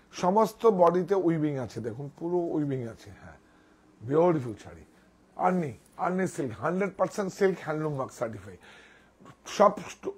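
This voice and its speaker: A man presenting sarees in a live sales pitch, enthusiastic, repeating praise and directing the models. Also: a little mellow, breathy edge. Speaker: saree seller presenting products.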